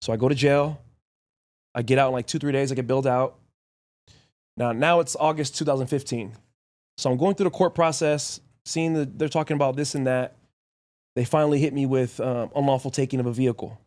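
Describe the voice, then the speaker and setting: A man's voice: medium pitch, steady tone, a little mellow. A young man hosting a podcast, telling a story casually in short, blunt, profane bursts. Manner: blunt and profane, rapid anecdotes in short clauses. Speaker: podcast host.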